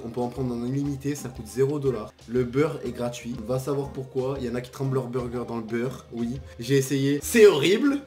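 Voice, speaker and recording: A man's voice: mid-range voice, a little mellow. A young man telling travel stories in a casual vlog, slangy and jokey, with exaggerated asides. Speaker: vlogger.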